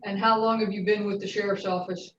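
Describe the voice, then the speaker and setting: A woman prosecutor questioning a witness in a brisk, formal manner, heard in a courtroom recording. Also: medium pitch, little pitch movement. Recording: roomy, distant, dull courtroom recording.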